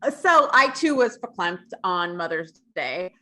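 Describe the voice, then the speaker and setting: A woman in her thirties co-hosting a live podcast, bubbly and quick to laugh. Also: fairly low pitch, sing-song, bright, forceful tone. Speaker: podcast co-host.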